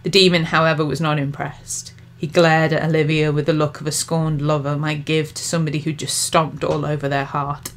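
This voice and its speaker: A woman narrating her own novel in an expressive, measured storytelling manner. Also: low voice, slight background noise. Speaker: author reading her novel. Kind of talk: audiobook narration.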